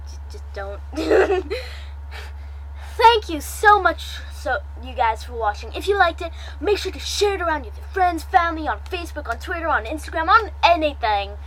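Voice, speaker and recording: Young female fanfic reader, high pitch, animated and giggly, slow delivery with stumbles; faint background hiss. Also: low-quality recording. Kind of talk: reading fanfiction aloud.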